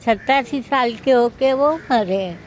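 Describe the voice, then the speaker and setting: A woman's voice: on the high side, takes it slowly, a little hiss or hum, poor audio. A woman in her seventies, speaking plaintively and with resignation, interviewed outdoors at a railway station. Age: 70s. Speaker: stranded elderly interviewee. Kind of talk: street interview.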